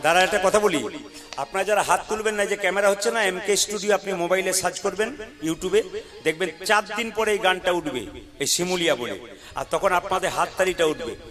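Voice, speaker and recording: Exhorting male kirtan preacher, high voice. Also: fast. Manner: exhorting, coaxing a crowd to chant loudly. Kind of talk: devotional preaching with call-and-response chanting. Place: live devotional gathering with audience. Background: devotional music playing.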